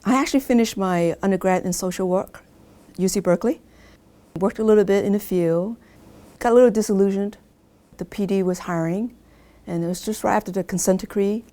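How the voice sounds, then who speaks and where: A woman's voice: medium pitch, brisk, warm tone. An older woman, a retired police officer, giving a concise account in a documentary interview.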